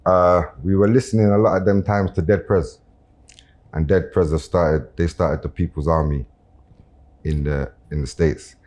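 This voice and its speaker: This South London guest rapper from Brixton has a deep, slightly mellow voice, fairly even intonation and a normal pace. Chatting casually on a podcast, he leans on street slang and roadman tags such as "innit" and "you know what I'm saying."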